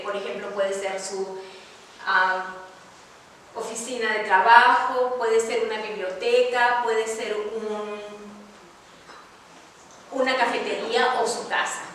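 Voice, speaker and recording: A woman pitching her tutoring service, hesitant, with many pauses and fillers. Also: a bit bright, slight background noise. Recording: echoey hall, far from the mic.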